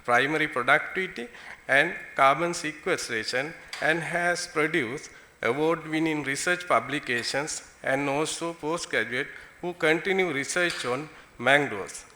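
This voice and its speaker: Woman, Sri Lankan accent, bright forceful voice, formal conference introduction read with stumbles, echoey room. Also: low-pitched, a little slow, a little hiss or hum. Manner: stumbles while reading. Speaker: conference presenter introducing keynote speaker.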